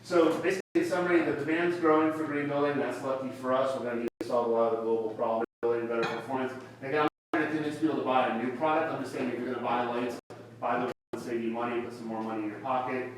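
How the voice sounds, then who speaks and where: Fast-talking man pitching in an echoey room. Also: flat delivery, a little hiss or hum. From Florida. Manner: fast, salesy, persuasive. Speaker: startup founder pitching. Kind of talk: live pitch presentation. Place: event space at a tech meetup. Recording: echoey room, mic far off.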